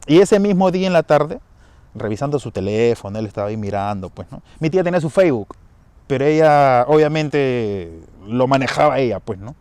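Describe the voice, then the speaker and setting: A man's voice: mid-range voice, lively intonation, brisk, darkish tone, clear, resonant tone, dry recording. A man with a Peruvian Spanish accent casually recounting a family ghost story, rambling with restarts and tag questions. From Peru. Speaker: storyteller sharing a personal experience. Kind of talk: casual spoken anecdote.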